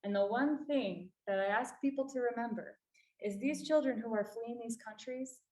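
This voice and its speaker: A woman's voice: on the high side, moderate pace, a little mellow. Earnest woman presenter in an echoey room. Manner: earnest, explanatory, stresses key points. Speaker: refugee services staff presenter. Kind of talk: public talk to a library audience. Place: library meeting room.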